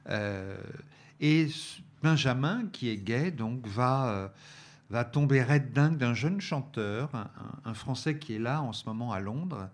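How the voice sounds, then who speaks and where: A man talks through a film selection at an unhurried pace. His voice sits at an ordinary middle pitch, and he keeps stopping to search for words. The hesitant, filler-heavy delivery sounds like casual review chat. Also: lively intonation. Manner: hesitant, many fillers and restarts. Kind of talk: radio-style review chat.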